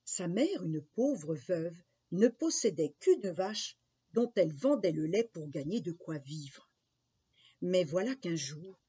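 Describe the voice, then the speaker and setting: A woman narrating a children's fairy tale in an expressive, unhurried storybook style. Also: on the low side, slightly rough. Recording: dull lo-fi recording.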